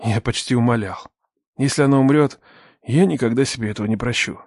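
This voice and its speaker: A man narrating a dramatic story in the first person, tense and urgent, raising his voice for shouted dialogue. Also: mid-range voice, fairly quick, no room sound, studio quality.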